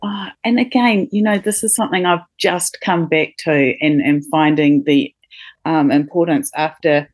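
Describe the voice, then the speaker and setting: A middle-aged woman with a notably deep voice answers interview questions in a relaxed, hesitant way, full of fillers and small laughs. The recording is close and dry, with no room sound. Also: moderate pace, no room sound. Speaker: podcast guest, company co-founder. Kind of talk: casual interview chat.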